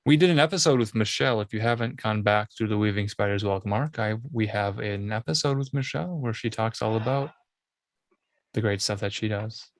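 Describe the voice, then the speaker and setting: A man's voice: fairly low pitch, brisk, no echo. A man hosting a casual podcast, pointing listeners to past episodes. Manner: plugs the show's archive. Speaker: podcast host. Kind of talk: casual chat with show plugs.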